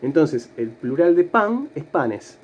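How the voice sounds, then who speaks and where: A man's voice: fairly high pitch, very animated, takes it slowly, lo-fi sound. A middle-aged man teaching a recorded online grammar class, explaining step by step and voicing his students' questions himself.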